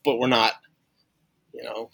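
A man's voice: medium pitch, little pitch movement, a little slow, vocal fry, a bit bright, breathy edge, no room sound. A man from St. Louis, a sportswriter guest on a casual podcast, talking earnestly and restarting his sentences as he thinks aloud. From St. Louis, USA.

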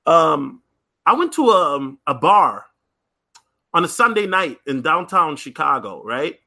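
Lively high-voiced man telling a story. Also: slow pace, creaky. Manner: chatty, many fillers and restarts, frequent "right?"; lively, acts out other people's lines. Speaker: podcast host. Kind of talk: casual storytelling monologue.

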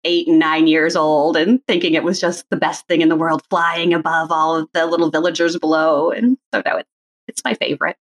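A woman's voice: deep voice, fairly even intonation, fairly quick, a little hiss or hum. Fond, nostalgic middle-aged woman. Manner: warm and fond, nostalgic storytelling. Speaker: guest. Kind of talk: casual chat.

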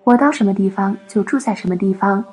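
A woman's voice: medium pitch, fast, a little mellow, faint music behind, lightly acted. A woman voicing an eerie old female ghost who answers in blunt, toneless replies.

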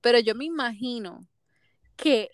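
Mujer puertorriqueña directa y animada. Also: female voice, fairly high pitch, a little slow, no room sound, studio quality. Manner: blunt, animated storyteller, mixes English phrases. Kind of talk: casual chat.

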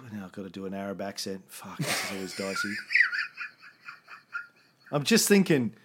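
In a lowish, sing-song voice at normal speed, a man hosts a history podcast, profanely drifting onto tangents before getting back to the story. The recording is very noisy.

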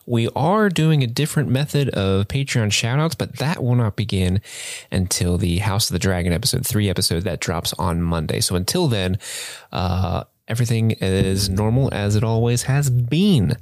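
A man's voice: lowish voice, moderate pace, a little mellow, no room sound, clean studio sound. A man co-hosting a casual podcast, playful and sing-songy, stumbling and joking as he reads out supporter names. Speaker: podcast co-host. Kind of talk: casual podcast chat and patron shoutouts.

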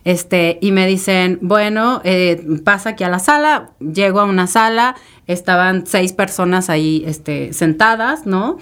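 A woman's voice: lowish voice, a little slow, hardly any pauses, fairly bright tone, clean tone. A woman, a podcast guest telling a personal story in an emotional, rambling way with many fillers and tag questions. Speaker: interview guest.

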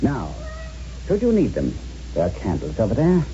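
An actor playing a genial, eccentric castle owner with a theatrical, musing manner in a radio drama. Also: male voice, lowish voice, wildly swooping pitch, normal speed, mellow. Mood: fussy, soothing. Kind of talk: 1970s radio drama acting. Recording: dull lo-fi radio recording, faint noise.

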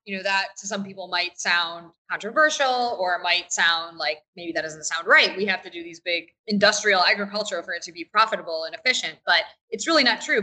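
Woman, podcast guest, thoughtful, explanatory, bright voice. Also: mid-range voice, rough recording. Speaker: guest, urban farmer. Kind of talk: podcast interview.

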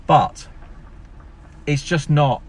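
A man's voice: a little high, very slow. A man co-hosting a casual, opinionated football podcast outdoors in a car park, emphatic and thinking aloud. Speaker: sports journalist and podcast co-host. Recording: outdoor car park with audible ambient noise.

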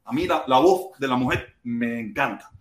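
A man with a Cuban accent hosting a live chat, playful and loud, repeating himself and bursting into shouts. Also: medium pitch, lively intonation, moderate pace, reverberant, slight background noise. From Cuba. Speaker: livestream host.

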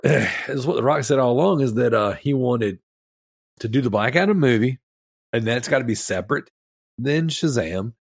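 Wheezy, congested man with a gravelly creak. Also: medium pitch, no echo, studio quality. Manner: enthusiastic, slangy, rambling. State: sick with strep throat, mouth-breathing. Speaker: podcast host. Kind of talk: casual chat.

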